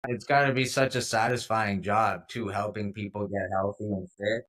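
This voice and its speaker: A man's voice: on the low side, fairly even intonation, normal speed, fairly bright tone. A man co-hosting an interview, asking short, friendly questions and reacting with encouragement.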